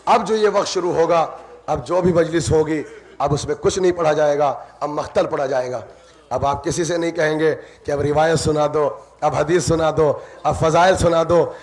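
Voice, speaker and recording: A man reciting a mourning narrative at a religious gathering, dramatic and swelling into loud emotional pleas. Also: on the high side, steady tone.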